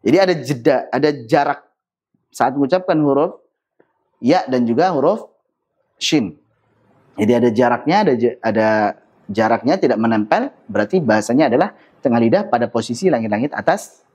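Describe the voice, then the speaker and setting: A man's voice: mid-range voice, animated, a little fast, pauses often, darkish tone, slightly rough. A man teaching a lesson on pronouncing Arabic letters, explaining step by step, modelling each sound and checking that listeners follow. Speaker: Quran recitation teacher. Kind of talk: online tajwid lesson.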